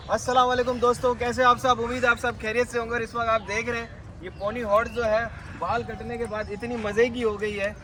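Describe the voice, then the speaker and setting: A man vlogging at an outdoor zoo in a chatty, excitable way, talking to viewers and to the animals. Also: very high voice, brisk. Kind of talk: casual vlog narration. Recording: noisy outdoor camera audio. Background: birds and animal calls.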